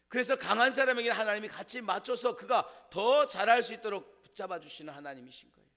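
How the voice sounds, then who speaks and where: Male pastor with a high voice, preaching warmly with stories and sudden hushes; long church reverb. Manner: storytelling with a quiet, hushed delivery for God's words. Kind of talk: sermon. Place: church sanctuary.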